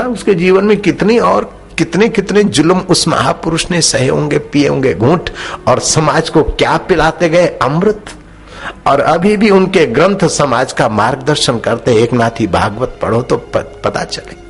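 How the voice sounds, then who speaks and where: A man preaching a devotional sermon, telling stories and acting out the people in them, stretching some phrases slowly for emphasis. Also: mid-range voice, vocal fry. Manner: acts out quoted characters in his stories; drops into slow, drawn-out phrases for emphasis. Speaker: spiritual preacher.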